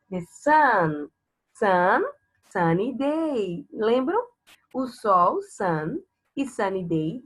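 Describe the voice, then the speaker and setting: A woman with a Brazilian accent, teaching a preschool English lesson, drilling words in a slow, repetitive sing-song and praising the children. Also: medium pitch, a bit bright, slightly rough, low-quality recording. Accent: Brazilian Portuguese. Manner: drills words, switching between English and Portuguese.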